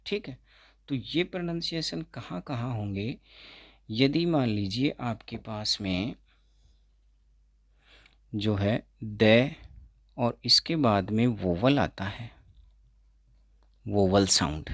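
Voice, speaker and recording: A man teaching English pronunciation as an exam-prep tutor, explaining slowly, repeating words and correcting himself as he goes. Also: lowish voice, no echo, studio quality. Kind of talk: explaining phonetics in Hindi.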